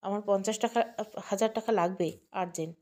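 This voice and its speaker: A woman's voice: medium pitch, steady tone, brisk, a little mellow, close to an everyday voice. Hurt young woman holding back tears, defiant, read by a woman. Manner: tearful, defiant.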